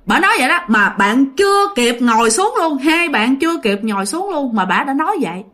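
A woman's voice: sits high, big pitch swings, a little fast, a bit bright. Chatty woman telling a ghost story. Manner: chatty, repetitive, addresses listeners directly. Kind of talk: casual ghost story narration.

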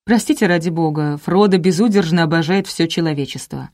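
A woman's voice: fairly low pitch, a little fast, darkish tone, natural voice. A woman reading the part of a friendly man in his thirties with a hearty, jokey manner.

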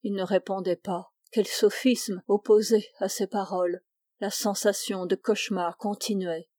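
A woman narrating a classic novel as an audiobook in a measured, expressive way. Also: medium pitch, no room sound, studio quality. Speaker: audiobook reader.

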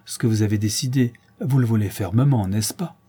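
A man's voice: fairly low pitch, brisk, mellow, slightly rough. A man voicing a showy, teasing male painter who speaks with mock gravity and delights in mocking others. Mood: mock-grave.

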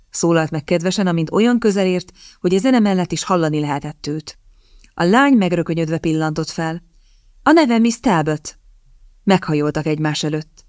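A woman with a low voice reads a novel aloud in a measured, expressive way. The recording is dry and close, with no room sound. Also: dry recording. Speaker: audiobook narrator. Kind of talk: scripted narration.

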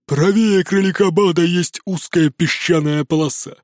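A man's voice: high voice, steady tone, moderate pace, no room sound, clean studio sound, close to an everyday voice. A man doing a gloating hyena commander. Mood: scheming commands. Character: scheming commanding hyena magistrate, male.

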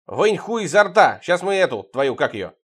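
A man's voice: high-pitched, sing-song, moderate pace, fairly bright tone, breathy edge, voice pushed up, heavily acted. A man reading an audiobook, voicing a rude, dim-witted mafia thug who keeps fumbling for words. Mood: crude.

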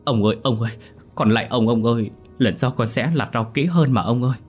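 A man's voice: medium pitch, brisk, darkish tone, faint music behind, lightly acted. A man voicing a timid middle-aged woman cook who stammers and begs for mercy. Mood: begging. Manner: trembling, pleading, stammering.

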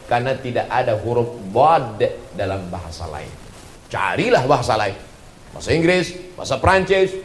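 A man giving an animated religious lecture as a preacher, breaking into slow chanted recitations. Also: medium pitch, echoey room, a little hiss or hum. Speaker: Islamic preacher.

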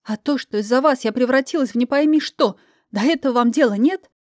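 A pampered young princess, high-pitched and shrill, bursting into indignant, tearful outbursts, as a woman reader acts her out. The sound is dry and close. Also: brisk, darkish tone, no echo, lightly acted. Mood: hysterical.

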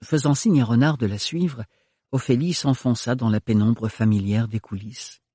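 A man reads a novel aloud as an audiobook, measured and steady in his delivery. His voice is husky and sits at a middle pitch, and the close recording is dry with no room sound. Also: no echo. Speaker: audiobook narrator. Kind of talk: audiobook narration.

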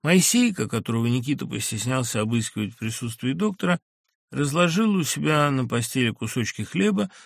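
Male audiobook narrator, measured expressive reading, gravelly voice, dry close studio sound. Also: medium pitch, no echo.

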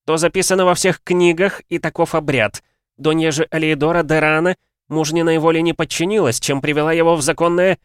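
A man's voice: on the high side, fairly even intonation, fairly quick, few pauses, fairly bright tone, clear, resonant tone, no echo, clean studio sound, pitched above the performer's own voice, natural voice. A man voicing an arrogant, cornered young noble heir who speaks in a haughty, sneering way, hissing through his teeth.

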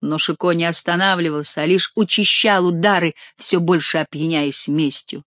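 A woman reading an audiobook aloud with expressive storytelling narration. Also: lowish voice, normal speed, dry recording.

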